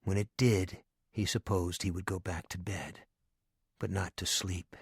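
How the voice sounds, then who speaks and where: A man reading an audiobook in a measured, hushed narration style, recorded on a close studio mic. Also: low voice, flat delivery, gravelly, breathy edge, no room sound.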